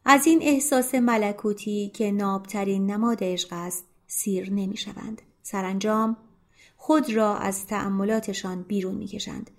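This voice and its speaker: A woman narrating a literary novel as an audiobook, in a soft, hushed manner that sinks to near whispers. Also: mid-range voice, fairly even intonation.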